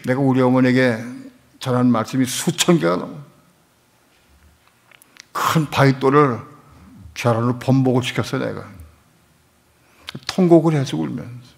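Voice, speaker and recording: A middle-aged male pastor preaching a sermon, telling a personal story with strong emotion, dropping to a hush and then rising to loud emphasis. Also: medium pitch, normal speed, vocal fry, long pauses.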